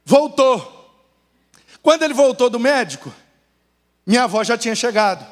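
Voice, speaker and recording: A man's voice: very high voice, normal speed, long reverb tail. A man, a pastor with a Brazilian Portuguese accent, preaching a sermon full of humorous family stories. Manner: animated storyteller, shifts between voices. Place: church.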